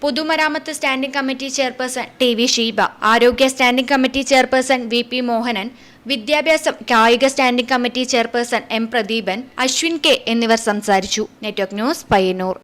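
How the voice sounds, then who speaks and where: A woman newsreader reading local news in a formal, measured delivery. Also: fairly high pitch, a bit bright.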